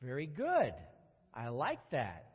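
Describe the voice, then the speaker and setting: A man's voice: a little high, slow, breathy edge. A man leading a group Bible study, talking with his class and asking them questions. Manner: lively, conversational, questions the class. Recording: dull audio with long room reverb.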